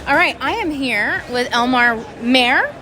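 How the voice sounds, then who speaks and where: A woman's voice: high voice, expressive, measured pace. A woman hosting casual on-site interviews at a conference event. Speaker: interviewer, host. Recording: music and event noise behind. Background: music.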